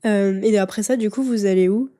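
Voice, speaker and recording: A woman interviewer asking gentle, hesitant questions with soft fillers. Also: mid-range voice, brisk.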